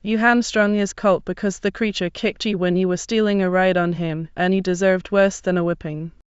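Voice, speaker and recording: A proud young mistress of a house bites out her words with cold scorn, as a man puts her on. The voice sits well above his own and comes out very smooth. The recording is dry and a little dull. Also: sits high, little pitch movement, normal speed, no echo, pitched above the performer's own voice, lightly acted. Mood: scornful. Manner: scornful, cutting.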